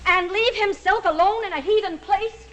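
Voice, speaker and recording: An actress playing a feisty, proud and warm-hearted Irish frontier woman in a TV western, with outspoken, lilting, folksy speech. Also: very high-pitched, moderate pace, a little hiss or hum. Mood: defiant. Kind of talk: 1960s TV western acting.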